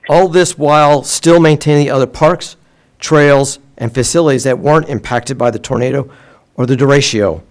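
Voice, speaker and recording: A man at a city council meeting reading a prepared tribute before presenting an award, measured and scripted. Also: mid-range voice.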